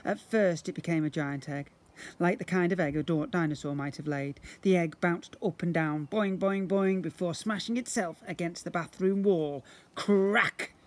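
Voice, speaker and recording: Standing outside by brick houses, a man reads a children's story aloud at normal speed in a high voice, animated and expressive as he acts out sound effects for young kids. A phone or camera roughly an arm's length away captures him.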